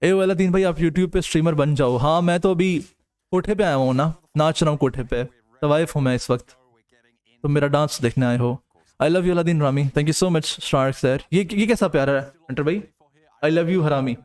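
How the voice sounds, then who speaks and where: Young male streamer, slightly high voice, tired and jokey. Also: moderate pace, darkish tone, smooth. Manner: joking, banters with chat, lapses into crude banter. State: tired from no sleep. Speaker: streamer and caster. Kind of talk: casual chat reading live comments.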